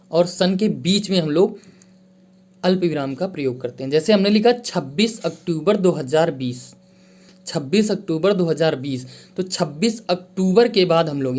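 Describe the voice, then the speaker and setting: A man gives a grammar lesson to his viewers in a somewhat high voice. He repeats key phrases and often addresses his listeners as friends. He slows down when he reads out example sentences. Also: a little mellow. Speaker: teacher.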